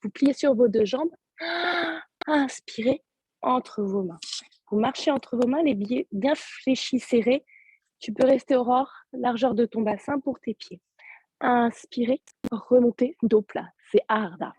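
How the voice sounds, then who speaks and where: A husky, mellow-voiced woman leads a yoga class over a video call, her throat a little sore. She speaks softly and calmly, cueing each movement and breath step by step. The sound is close and dry. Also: a little high, unhurried, no room sound. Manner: soft-spoken, calm step-by-step cues. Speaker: yoga teacher. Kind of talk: guided yoga class instruction.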